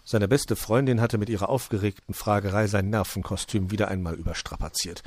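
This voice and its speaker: A man narrating a children's story in a lively reading manner. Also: fairly low pitch, fairly quick, no room sound. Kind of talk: scripted narration.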